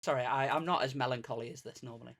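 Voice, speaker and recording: Racing along in a fairly bright, mid-range voice, this Greater Manchester man guests on a streamer's casual podcast. He rambles and belittles himself, packing in fillers and restarts.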